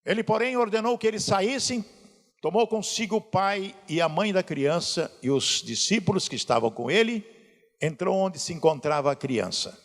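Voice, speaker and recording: A man's voice: sits high, animated, normal speed. A male pastor preaching a sermon, asking the congregation questions as he goes. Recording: hall reverb.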